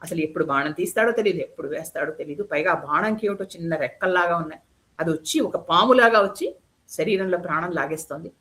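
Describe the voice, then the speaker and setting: A frightened demon messenger who trembles before his king, as a woman retelling the epic voices him. He speaks in an urgent, awestruck rush about a warrior he cannot believe. The pitch stays in a middle range. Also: expressive, fast, fairly bright tone. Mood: awed urgent. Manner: urgent, awed reporting.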